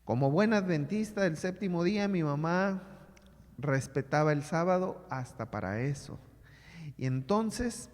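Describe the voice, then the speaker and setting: A man preaching a sermon as a pastor, telling a childhood story and acting out the voices in it. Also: fairly high pitch. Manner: storytelling, acts out voices of his mother and himself as a child. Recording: long hall reverb.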